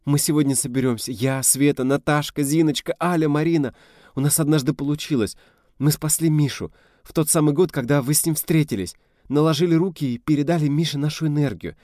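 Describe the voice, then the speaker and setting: A man reading an audiobook, voicing an excited young woman who pleads in a rush, his voice raised high. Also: no room sound, clean studio sound, close to an everyday voice. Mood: eager. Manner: rushed, pleading.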